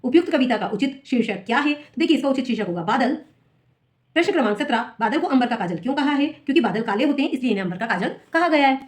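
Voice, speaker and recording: A woman teacher solving an exam paper for students, reading each question and then explaining the answer patiently. Her voice sits a little high. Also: animated, fast.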